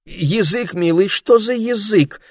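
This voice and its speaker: A man reading aloud voices a fussy, absent-minded mother who soothes her grown children in a high, cooing voice. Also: slow pace, darkish tone, no room sound, studio quality. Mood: soothing, fussing. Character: fussy soothing mother, middle-aged woman.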